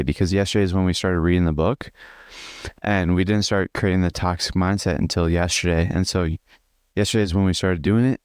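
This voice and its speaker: A young man with a low voice tells a story for his vlog, in a loose, earnest ramble full of "like" and restarts. The sound is close and dry. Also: darkish tone, clean tone, no echo. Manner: rambling, filler-heavy, earnest. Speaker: vlogger. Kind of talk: casual personal vlog.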